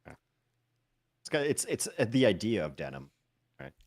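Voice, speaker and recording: A man co-casting an esports stream in casual chat, trading dry, deadpan quips. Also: on the low side, moderate pace, breathy edge.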